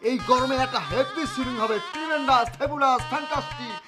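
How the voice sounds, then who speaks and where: A man's voice: very high voice, fast talker, over music. An actor playing a cheeky son-in-law who pranks his in-laws, in sprinkled with English words, in a comic TV drama. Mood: innocent.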